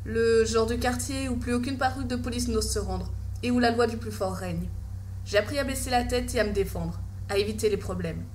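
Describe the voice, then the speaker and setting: High-pitched woman narrating a horror story. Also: fairly quick, darkish tone, slight background noise. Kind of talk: scripted first-person creepypasta narration.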